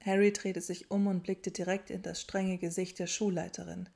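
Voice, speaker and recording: A woman narrating a story in a steady storytelling way. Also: lowish voice, normal speed, vocal fry. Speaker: audiobook narrator. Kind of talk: scripted narration of a fan story.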